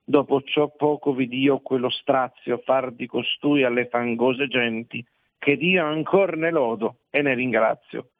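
A man reciting classic verse in a measured, solemn way. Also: medium pitch. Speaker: reader. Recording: tinny narrow-band dry recording.

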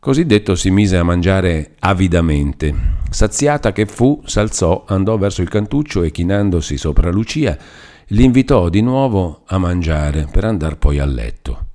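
A man narrating a classic novel aloud in an expressive storytelling manner. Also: low-pitched, normal speed. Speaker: audiobook narrator.

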